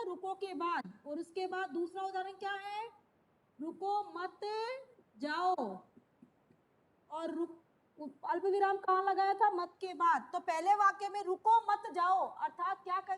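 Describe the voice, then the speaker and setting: A woman teaching a class, speaking slowly, repeating key phrases and quizzing her students. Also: very high voice, fairly bright tone. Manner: slow, repeats key phrases and asks questions. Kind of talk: classroom lesson.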